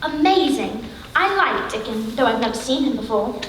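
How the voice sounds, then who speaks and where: A woman's voice: a little high, lively intonation, normal speed, a bit bright, a little hiss or hum. A woman playing a lonely, sulky young girl with a wistful way of talking, in a live stage play. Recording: echoey theater, mic far off.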